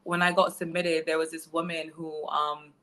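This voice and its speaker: Bright-voiced woman in her 30s, guest on an interview show, chatty with lots of fillers. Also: deep voice, flat delivery, moderate pace. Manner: chatty, many fillers like um and you know. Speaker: guest financial educator. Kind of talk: casual interview storytelling.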